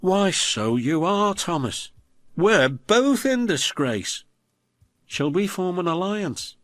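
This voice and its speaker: A man's voice: high voice, big pitch swings, slow pace, no room sound, clean studio sound, voice pushed up, heavily acted. A man voicing a big, proud male express engine in a storybook, hearty and theatrical. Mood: rueful.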